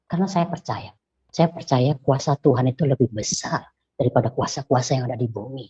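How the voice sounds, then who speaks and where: A low, husky woman tells her personal testimony in a halting, earnest way. She often repeats her phrases as she pleads. The recording sounds muffled and lo-fi. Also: dark tone. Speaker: convert giving a personal testimony.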